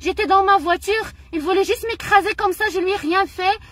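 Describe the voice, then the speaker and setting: Speaking briskly in a high, slightly bright voice, a middle-aged vlogger from Morocco delivers a heated monologue straight to her viewers. She sounds emotional and indignant, repeating the same phrases over and over.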